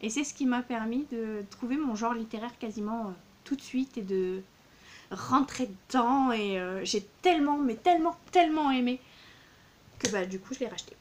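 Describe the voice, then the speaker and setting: A woman's voice: fairly high pitch, moderate pace. Chatty woman gushing over books. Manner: gushing, with many fillers and repeated words. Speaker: book vlogger. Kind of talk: casual book haul vlog.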